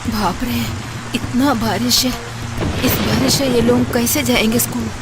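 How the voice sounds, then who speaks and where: A woman doing a homely, hospitable mother in a dubbed film, her voice a little high. She speaks slowly and is softly insistent, with film music playing underneath. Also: fairly even intonation, close to an everyday voice, low-quality recording. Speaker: mother of the family. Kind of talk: Hindi film dubbing.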